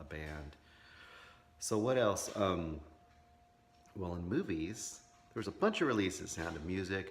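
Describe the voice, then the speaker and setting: A man in his fifties with a low, gravelly voice talks in a relaxed, rambling way. He sounds tired, as if it were the end of a long day. Faint noise sits behind him. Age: 50s. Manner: rambling, relaxed, with many fillers. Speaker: vlogger. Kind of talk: casual late-night vlog chat.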